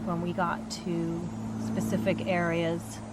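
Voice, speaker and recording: A woman psychic medium in casual talk, softly relaying what a spirit says with "he goes". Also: fairly low pitch, monotone, slow pace, heavy background noise.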